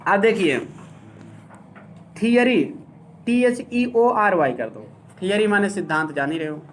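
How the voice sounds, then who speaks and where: A man teaching an English grammar lesson to a class, explaining slowly and often asking whether it is clear. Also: high-pitched, animated, a little hiss or hum.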